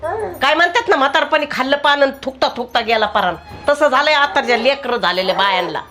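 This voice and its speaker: A woman playing a sharp-tongued older mother-in-law who scolds and grumbles in a comic family sketch. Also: high-pitched, lively intonation, brisk, soft background music. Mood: scolding.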